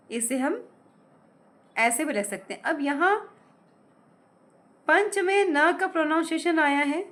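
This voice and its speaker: A woman teaching a grammar lesson, spelling words out slowly and carefully, asking questions and answering them herself. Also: high voice, a bit bright. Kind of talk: explaining lesson with examples.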